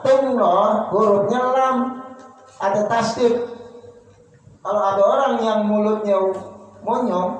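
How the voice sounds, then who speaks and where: Religious teacher, male, higher voice, unhurried drilling delivery, distant roomy recording with faint room noise. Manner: patient, repeats and drills each pronunciation. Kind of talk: religious study lesson. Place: prayer room.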